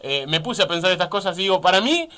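An Argentine man with a Rioplatense accent hosts a radio interview. His voice is high and bright, and his speech swings lively up and down as he chats eagerly and keeps agreeing with his guest. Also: fast talker. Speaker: radio host.

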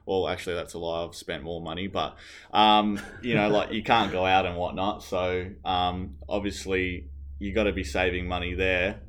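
A man's voice: sits low, little pitch movement, moderate pace, fairly bright tone. A man, co-hosting a podcast in casual, rambling chat full of fillers. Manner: rambling, filler-heavy, opinionated. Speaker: podcast co-host.

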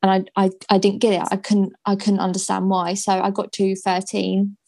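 Twenty-something woman, guest on a podcast, slow and hesitant with lots of ums, gravelly low-energy voice, dry close sound. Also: completely flat delivery, a little mellow, no echo. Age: 20s. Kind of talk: candid personal story in a podcast interview.

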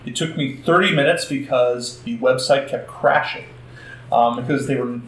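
A man's voice: mid-range voice, moderate pace, fairly bright tone. A man co-hosting a podcast in casual chat, hesitant and full of restarts and hedging. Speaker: podcast co-host. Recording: echoey room.

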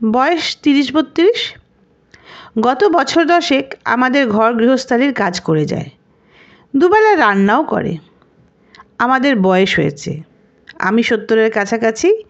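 A woman reading a first-person story in a measured, suspenseful manner. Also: sits high. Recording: dull lo-fi recording with noise.

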